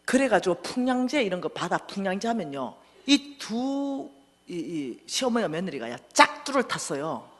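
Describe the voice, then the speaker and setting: A middle-aged woman, telling a story in an animated, dramatic way as a church lecturer. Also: mid-range voice, moderate pace. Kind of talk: storytelling sermon. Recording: echoey hall.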